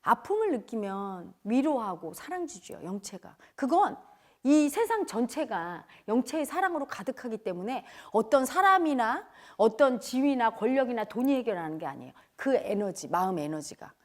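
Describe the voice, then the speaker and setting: High, lively-voiced woman preaching. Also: moderate pace. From Cheongju area, South Korea. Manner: dramatic storytelling, swinging between loud outbursts and hushed near-whispers. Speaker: spiritual teacher. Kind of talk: emotional spiritual lecture.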